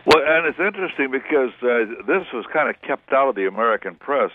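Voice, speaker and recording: A pastor appears as a guest in a radio interview by telephone, speaking briskly and expressively in a mid-range voice. He rambles and corrects himself, and the phone line sounds tinny and dry.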